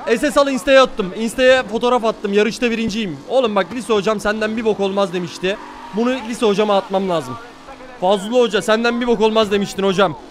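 A man streaming a racing game live, chattering excitedly, swearing often and talking to his chat. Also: high-pitched, a little hiss or hum. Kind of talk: live gameplay commentary.

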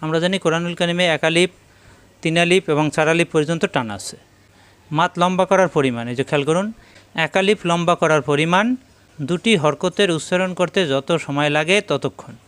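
A man's voice: fairly high pitch, fairly bright tone, smooth. Patient Bangladeshi man teaching recitation. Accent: Bangladeshi Bengali. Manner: patient, repeats syllables slowly and drills them. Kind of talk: step-by-step tajweed lesson.

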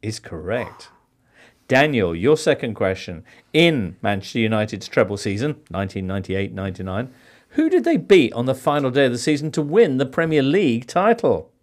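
A man hosts a podcast quiz, reading questions with playful theatrical flair. His voice sits at an ordinary pitch but rises and falls a lot as he goes. He sounds like a quizmaster who enjoys the show. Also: very animated, fairly quick. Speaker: quiz host.

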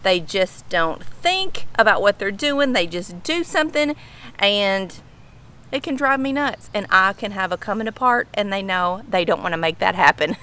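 A woman's voice: mid-range voice, animated, moderate pace, bright, forceful tone. A middle-aged woman with a Kentucky Southern drawl, chatting casually outdoors to camera as she explains things in a folksy way, repeating phrases for emphasis. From Kentucky, United States. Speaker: vlogger explaining slang. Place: outdoors on a home pool patio.

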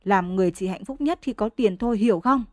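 A woman doing a shrill, cursing peasant wife. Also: quick pace, dry recording, studio quality, natural voice. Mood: bitter defiance. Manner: shrill scolding, cursing loudly. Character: furious peasant wife, sharp-tongued, fed up.

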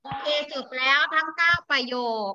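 Woman teacher, higher voice, very bright tone, patient online class drilling. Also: normal speed, muffled recording. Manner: patient, drills pronunciation, calls on students. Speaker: Chinese teacher.

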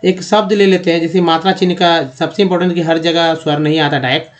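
A man explaining a lesson, slowly repeating and drawing out each sound as he talks through examples. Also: fairly high pitch, level tone. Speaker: English teacher. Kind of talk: classroom-style spoken lesson.

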